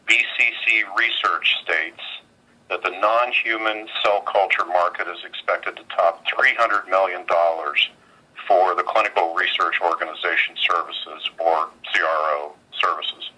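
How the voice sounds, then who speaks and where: A man presenting a scripted business update to investors on a phone conference call, formal and measured. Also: low-pitched, pushed and bright, slightly rough, rough recording. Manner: formal, measured phrase-by-phrase reading. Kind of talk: scripted earnings call presentation, read aloud. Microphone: telephone conference call.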